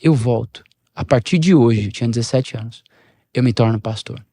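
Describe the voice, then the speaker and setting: In a clean, echo-free studio recording, a Brazilian pastor in middle age recounts something from his own life for a podcast interview. His pace is moderate, and he brings the story alive by voicing the dialogue and varying his pitch and loudness.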